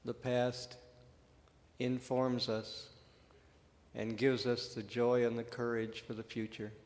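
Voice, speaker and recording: A man's voice: mid-range voice, little pitch movement, takes it slowly, darkish tone. A man, an organization's president, giving an impromptu, emphatic and heartfelt acceptance speech. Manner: emphatic and heartfelt, with a few restarts. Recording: reverberant hall.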